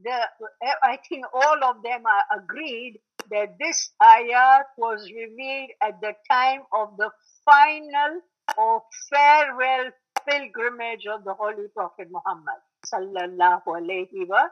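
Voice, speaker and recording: High-voiced woman lecturing, lo-fi recording. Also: unhurried. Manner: explanatory, with emphatic repetition; frequent fillers and throat clearing. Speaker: religious studies teacher. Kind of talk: lecture on religious history. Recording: dull lo-fi recording.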